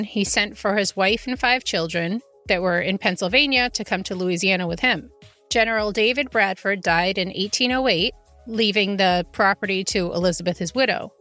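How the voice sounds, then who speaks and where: Woman podcaster telling spooky history casually, bright clear-cut voice, faint music under it. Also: mid-range voice. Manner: casual, informal asides. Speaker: podcast host. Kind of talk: semi-scripted true haunting storytelling, conversational.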